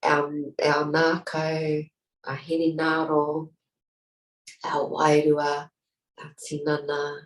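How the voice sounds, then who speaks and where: Older nz woman, deep voice, talks slow and heartfelt, kinda far off in an echoey room. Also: completely flat delivery. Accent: New Zealand. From New Zealand. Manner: heartfelt, halting, searching for words. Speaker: programme participant. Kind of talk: emotional reflective sharing. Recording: roomy, distant from the mic.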